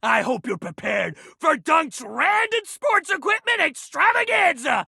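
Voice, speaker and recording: This is an eager, sports-mad gym buddy from a video game who talks in casual bro slang like an encouraging coach desperate to please. His gravelly voice leaps around in pitch with heavy acting and a hyped-up mood, yet his pace stays measured. The recording is dry and close.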